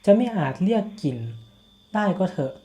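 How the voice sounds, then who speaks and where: A gentle, fatherly middle-aged dad. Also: sits high, expressive, normal speed. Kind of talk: dubbed game cutscene.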